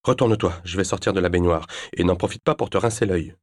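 A sharp-tongued, bossy woman who scolds and mocks, pitched up high against a low reading voice, as a male audiobook narrator puts her on. Her lines come across dry and close, with no room around them. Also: fast talker, dry recording. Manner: scolding, mocking.

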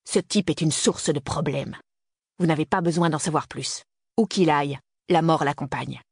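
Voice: medium pitch, moderate pace, a little mellow, slightly rough, no echo, clean studio sound. A reader voicing Frank, a stern graying father. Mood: grim. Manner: clipped, peremptory delivery. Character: stern graying middle-aged father, curt and commanding. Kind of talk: audiobook character reading.

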